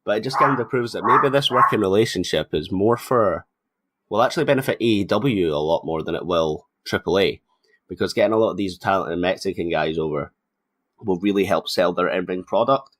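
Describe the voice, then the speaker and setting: Deep-voiced man in casual wrestling discussion. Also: fairly quick, fairly bright tone. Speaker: wrestling podcast host. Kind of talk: casual wrestling commentary chat.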